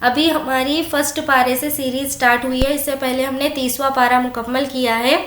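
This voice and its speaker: A woman teaching tajweed, explaining each rule plainly and then reciting the words slowly and drawn out. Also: high-pitched, fairly even intonation, fairly bright tone, echoey room. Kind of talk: slow word-by-word recitation lesson.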